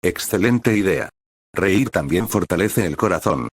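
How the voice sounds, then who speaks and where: A man's voice: deep voice, lively intonation, measured pace, husky, no echo, studio quality, heavily acted. A man reading a fiery, cheerful swordsman. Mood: hearty. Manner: enthusiastic and upbeat. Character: cheerful, fiery male swordsman, booming laugh.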